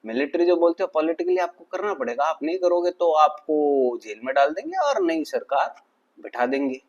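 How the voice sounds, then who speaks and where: A man's voice: a little high, animated, normal speed, darkish tone, highs cut off. A man doing casual, mocking political commentary in a chatty way, constantly addressing his viewers.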